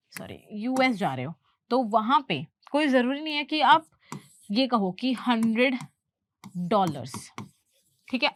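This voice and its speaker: Woman English teacher, slightly high voice, slow and careful delivery, dry close sound. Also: no echo. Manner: slow, careful word-by-word pronunciation drills. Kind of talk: explaining movie lines in a lesson.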